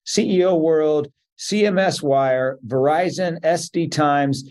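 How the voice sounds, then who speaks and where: Speaking slowly in a fairly high yet darkish voice, a man opens his podcast with a scripted introduction. He goes through the guest's credentials at an even pace before beginning to interview them.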